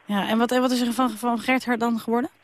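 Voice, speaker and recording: A male radio host interviewing a guest in a relaxed, chatty way. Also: very high voice, quick pace, dry recording.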